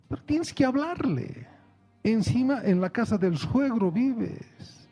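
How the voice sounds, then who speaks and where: Slow, husky-voiced male preacher. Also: sits high, dark tone. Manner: slow, deliberate preaching with rhetorical questions. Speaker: pastor. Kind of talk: sermon.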